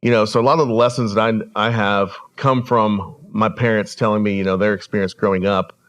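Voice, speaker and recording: A man born in El Salvador, a podcast guest telling his family's story in an earnest, measured way. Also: fairly low pitch, steady tone. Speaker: guest, regional director. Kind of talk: storytelling interview.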